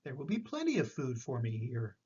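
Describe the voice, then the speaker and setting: A man's voice: mid-range voice, wildly swooping pitch, a little fast, dark tone, slightly rough, voice pushed down, full character voice. An older man with a grandpa storyteller voice voicing a hungry, sly, polite young trickster in a children's picture book. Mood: hungry, pleading. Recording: slightly dull, lo-fi recording.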